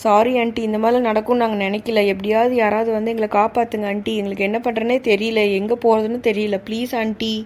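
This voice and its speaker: A woman's voice: fairly high pitch, little pitch movement, quick pace, hardly any pauses, a little mellow, lightly acted. A woman voicing a teenage girl begging an adult for help over the phone, in a cartoon. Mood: pleading. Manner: pleading, begging on a phone call.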